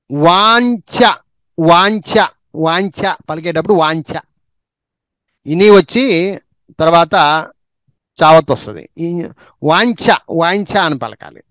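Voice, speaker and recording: Slow, high-voiced man drilling word sounds. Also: fairly bright tone, dry recording. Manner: says each word slowly two or three times, with quick asides on how to practise. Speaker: Telugu reading teacher. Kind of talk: slow spelling and pronunciation drill.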